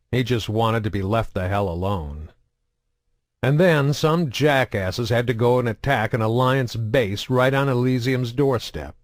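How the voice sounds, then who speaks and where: Low-voiced man reading an audiobook. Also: no room sound, studio quality. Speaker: audiobook narrator. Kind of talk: audiobook narration.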